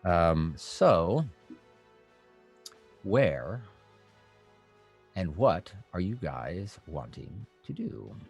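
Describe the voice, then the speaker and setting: A man running a tabletop game as game master, narrating haltingly with many ums and restarts. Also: low-pitched, very animated, vocal fry, slightly rough, soft background music.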